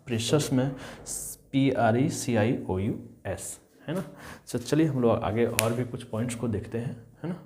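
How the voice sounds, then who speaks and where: In this spelling and pronunciation lesson, a man with a mid-range, darkish voice teaches English spelling rules over slight background noise. Words are spelled out one letter at a time and then spoken in full, with each rule repeated several times. He treats his learners as children and keeps asking whether it's clear.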